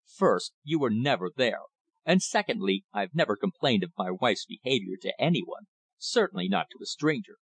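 A man's voice: medium pitch, very animated, moderate pace, a bit bright, slightly rough, no echo. A man voicing a dismissive, haughty wealthy man who brushes off every claim with condescension.

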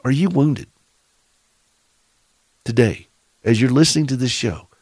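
With a darkish, breathy-edged mid-range voice and a slightly slow pace, a middle-aged Southern-accented man gives faith-based encouragement on a radio show for caregivers. He sounds earnest and preacherly, puts questions straight to his listeners, and there's no room sound.

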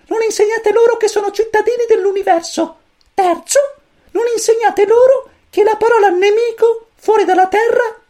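A woman voicing a tiny, fussy male cosmic chick who commands a spaceship, squeaky, stern and lecturing, in a storybook reading. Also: warm tone.

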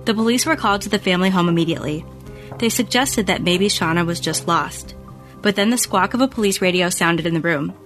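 Lower-voiced woman, true crime narrator. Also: a little fast, fairly bright tone. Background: music bed.

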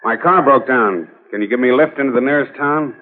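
An actor playing a heavyset, hard-boiled male detective who narrates in a steady, dry first-person way, in 1940s radio acting. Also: mid-range voice, fairly quick, close to an everyday voice. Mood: wary. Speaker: narrator and lead. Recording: tinny old radio broadcast with music.

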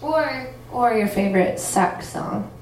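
A woman's voice: fairly high pitch, animated, takes it slowly, darkish tone. A woman hosting a live music session, chatting casually and encouragingly with her guest. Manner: friendly and encouraging, short affirmations. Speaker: host and musician. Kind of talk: casual interview chat. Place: theater loft, live session. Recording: echoey room, mic far off, guitar behind.

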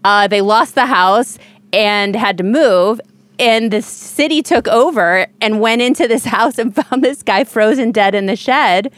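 A woman's voice: a little high, unhurried, a bit bright, no echo. Chatty woman telling a rambling story. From Ohio, USA. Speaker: podcast guest. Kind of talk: casual storytelling.

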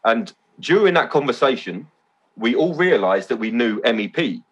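A man telling stories as a podcast guest, excitable and loose, swearing casually. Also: mid-range voice, moderate pace, husky, dull audio. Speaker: podcast guest, event organiser. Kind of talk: casual chat.

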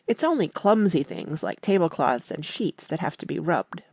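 A woman's voice: deep voice, big pitch swings, normal speed, gravelly, darkish tone, breathy edge, no room sound. Woman reading a children's classic. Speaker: audiobook reader. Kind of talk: scripted narration.

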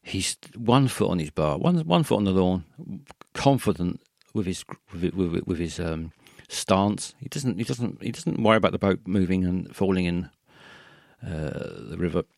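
A man hosts a call-in radio show with a low, gravelly voice. He wanders from thought to thought, stalling on fillers and restarting his sentences. The sound is dry and close to the mic. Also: lively intonation, no echo. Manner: meandering, halting, many fillers and restarts. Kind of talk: rambling one-man call-in chat.

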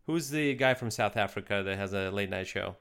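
Smooth-voiced man. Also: lowish voice, brisk. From Russia. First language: Russian. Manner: relaxed, joking, dry humor. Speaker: podcast co-host. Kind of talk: casual chat.

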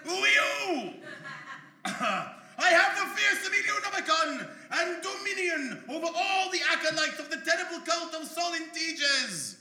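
An actor playing a grandiose, bumbling bureau administrator who fancies himself a hero, in a live comedic audio drama. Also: male voice, extremely high pitch, lively intonation, unhurried, sharp tone, heavily acted. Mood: pompous. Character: pompous heroic male bureau administrator. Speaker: comedy stage performer. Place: live performance venue. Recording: echoey live venue.

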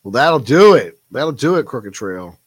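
A man's voice: medium pitch, very animated, measured pace, breathy edge, no echo. Reflective man hosting a live stream. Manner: thoughtful, reflective, with frequent fillers. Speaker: livestream host. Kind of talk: casual livestream chat reading viewer comments.

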